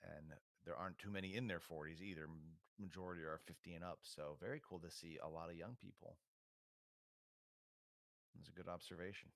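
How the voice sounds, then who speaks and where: A man's voice: low-pitched, fairly even intonation, fairly quick, vocal fry, a bit bright, no room sound. A man under forty, a host giving easygoing remote play-by-play commentary, chatty and full of fillers. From United States.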